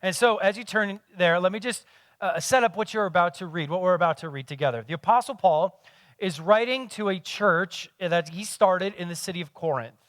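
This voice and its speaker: A man's voice: high voice, fairly quick, fairly bright tone, dry recording. A pastor in his forties giving a conversational sermon with self-deprecating humor. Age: 40s.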